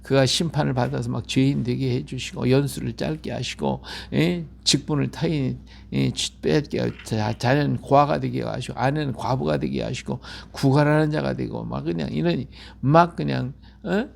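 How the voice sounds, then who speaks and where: Gravelly-voiced pastor man, emphatic sermon. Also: mid-range voice, moderate pace, a little mellow, slight background noise. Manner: emphatic, repetitive, asks listeners for agreement. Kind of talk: Bible-reading sermon.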